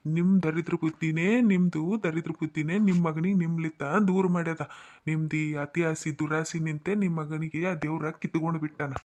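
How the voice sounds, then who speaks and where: A man's voice: a little high, fairly even intonation, normal speed, a little mellow, close to an everyday voice. A man with a North Karnataka Kannada accent voicing a stern middle-aged father who lectures his daughter's in-laws. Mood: reproachful. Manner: lecturing, reproachful. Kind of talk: cartoon voice acting.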